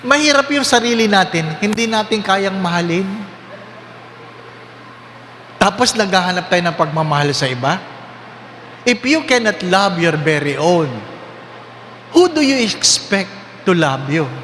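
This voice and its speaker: Lively priest preaching in echoing hall. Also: male voice, sits high, normal speed, slight background noise. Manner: lively, questioning the congregation, joking. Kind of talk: sermon. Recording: echoey hall with faint ambience.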